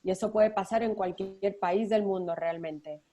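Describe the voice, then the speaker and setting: A woman hosts a podcast and introduces the episode and its guest. She speaks in an upbeat, lively manner at an average pitch. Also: moderate pace. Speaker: podcast host.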